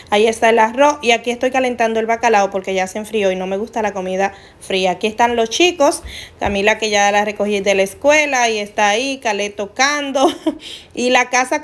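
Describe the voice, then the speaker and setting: A woman's voice: fairly high pitch, slight background noise. Chatty woman vlogging on her phone. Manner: chatty and excited, addresses viewers as "señores". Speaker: vlogger, mother. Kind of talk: casual vlog chat to viewers.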